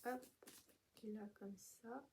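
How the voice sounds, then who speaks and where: A woman's voice: a little high, fairly even intonation, measured pace, gravelly, a little mellow. An eighteen-year-old woman from France chatting casually about her book purchases, rambling with fillers and restarts. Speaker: book vlogger. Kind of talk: casual book haul chat.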